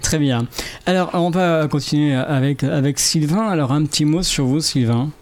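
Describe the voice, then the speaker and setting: A man's voice: a little high, normal speed, darkish tone. A man hosting a radio interview, prompting his guests with friendly questions. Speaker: radio host.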